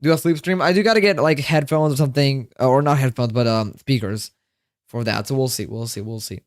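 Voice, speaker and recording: A man's voice: mid-range voice, brisk, no room sound, clean studio sound. A tired man livestreaming from home, chatting casually and rambling to his chat, often repeating himself.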